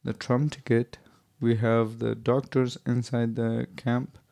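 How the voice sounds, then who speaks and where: A man from Afghanistan, answering interview questions in halting, hesitant English. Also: mid-range voice, little pitch movement, gravelly, mellow. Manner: halting, hesitant, searching for words.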